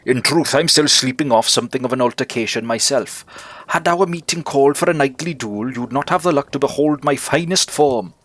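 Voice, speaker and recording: A man's voice: medium pitch, a little fast, fairly bright tone, no room sound, pitched above the performer's own voice, lightly acted. A man doing a boastful bug knight. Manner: grandiose, old-fashioned heroic speech. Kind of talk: reading game dialogue aloud.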